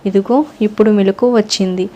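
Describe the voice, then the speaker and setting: A woman's voice: mid-range voice, fairly even intonation, fairly quick, mellow, lightly acted. Woman voicing young man, cocky, breezy, storybook reading. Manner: casual, brushing things off.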